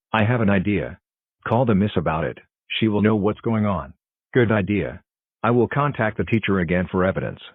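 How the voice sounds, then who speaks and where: A man's voice: sits low, no echo, phone-quality sound. A synthetic-sounding man voicing a worried, suspicious cartoon father in a stiff, formal way. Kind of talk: scripted cartoon dialogue.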